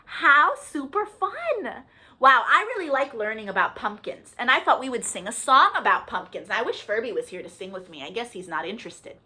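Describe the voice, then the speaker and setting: Over a video call, a woman runs a children's storytime, reading aloud in a lively, sing-song voice and asking the young listeners questions. Her voice is slightly high and a little breathy, at a normal pace.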